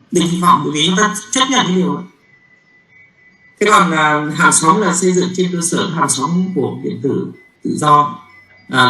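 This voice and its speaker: A man delivers a university physics lecture haltingly, full of fillers and repeated words, and keeps checking in with the class. His voice is a little high, bright and forceful, captured in a reverberant, low-quality recording.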